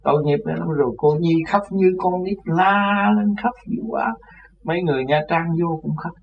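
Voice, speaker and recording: A man telling a personal religious story in an animated way, often laughing. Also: on the high side, normal speed, creaky. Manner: animated, laughs often, voices others in his tale. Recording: lo-fi with faint background noise.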